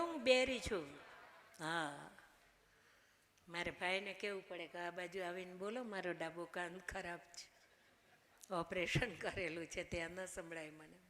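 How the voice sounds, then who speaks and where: A woman's voice: lowish voice, a bit bright, slight background noise. An older woman gives a homely devotional discourse to a gathering, chiding and asking the crowd questions. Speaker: Ramayana storyteller. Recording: long hall reverb.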